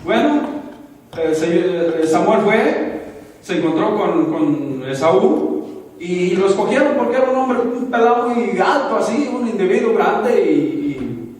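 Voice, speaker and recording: A man's voice: sits high, very animated, unhurried, darkish tone. A man preaching a sermon in an informal, conversational way, asking the congregation questions and correcting himself as he goes. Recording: echoey hall from far off.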